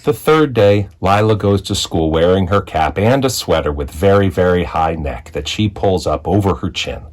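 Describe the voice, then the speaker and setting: With a low-pitched voice, a man who is a school executive reads a children's picture book aloud as a storyteller, narrating expressively and phrasing things with deliberate drama.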